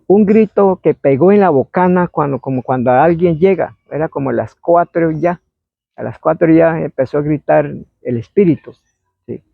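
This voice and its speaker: A man with a gravelly, fairly high voice tells a spirit story from oral history. His telling meanders and he acts out the shouts and voices of the people in it. The recording sounds thin and phone-like, with no room echo. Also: normal speed. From Colombia. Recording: dry, phone-like narrow sound.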